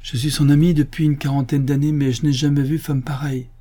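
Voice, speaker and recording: A man's voice: mid-range voice, brisk, mellow, natural voice. A man reading an audiobook, voicing an irritated old grandmother who exclaims with indignation.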